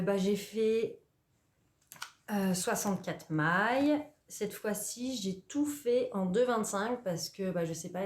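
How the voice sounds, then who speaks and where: A chatty young woman talks through her knitting projects at home, her voice a touch low. She hesitates often and teases herself along the way. The room around her rings with echo. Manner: chatty, animated, self-mocking with filler hesitations. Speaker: knitting and sewing podcaster. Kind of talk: casual chatty craft vlog. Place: at home, indoors.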